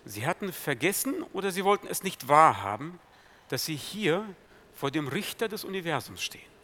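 A male preacher delivering a sermon with a bright, somewhat high voice. His pitch is highly animated, rising on emphatic declarations and dropping to hushed, whispered quotes. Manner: dramatic swings from loud to hushed, quoting Jesus slowly.

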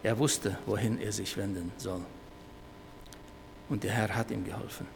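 Gravelly preacher in a reverberant hall. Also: male voice, steady tone, normal speed. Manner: swings between soft low asides and loud raised quoting. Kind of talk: sermon. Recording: reverberant hall with faint noise.

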